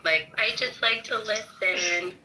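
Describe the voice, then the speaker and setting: A woman's voice: medium pitch, takes it slowly, noisy background. A woman in her thirties chatting casually and teasing her friends on a group livestream. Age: 30s. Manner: teasing, joking. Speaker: livestream participant.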